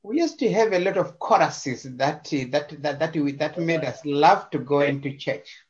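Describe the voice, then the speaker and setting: Over slightly dull video-call audio, a Zimbabwean man appearing as an interview guest speaks at a normal speed in a higher, animated voice. He's casual and unsure, with many repetitions and fillers.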